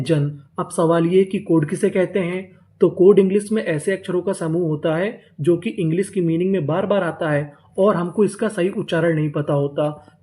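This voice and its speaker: A man teaching a class, asking a question and then answering it himself, and repeating each word slowly several times. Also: sits high, dark tone. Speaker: English teacher. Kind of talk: classroom-style spoken lesson.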